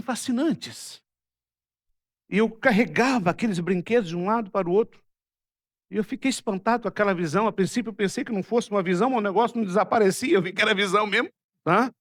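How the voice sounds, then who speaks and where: Brazilian man preaching a storytelling sermon. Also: sits high. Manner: storytelling, swings from loud to hushed. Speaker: pastor. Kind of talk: sermon with personal testimony.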